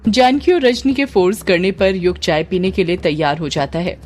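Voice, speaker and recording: A woman's voice: lowish voice, normal speed, darkish tone, faint music behind. Woman narrating a spoken story.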